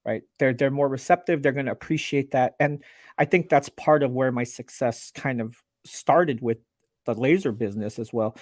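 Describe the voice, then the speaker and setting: A man guesting on a live-streamed interview, sharing business advice in an earnest, animated way with frequent restarts over a video call. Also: mid-range voice, dry recording, clean studio sound. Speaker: guest, laser business owner.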